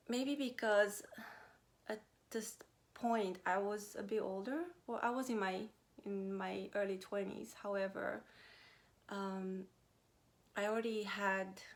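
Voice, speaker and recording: A woman in her thirties, originally from Romania, talking to her viewers in a casual personal vlog, pausing often with fillers. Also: mid-range voice, fairly even intonation. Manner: hesitant, many pauses and fillers. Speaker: vlogger. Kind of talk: casual personal talk to camera.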